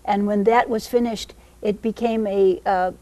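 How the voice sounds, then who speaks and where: A woman's voice: mid-range voice, fairly even intonation, a little slow, warm tone, no room sound. A woman author and historian answering interview questions in a composed, factual way.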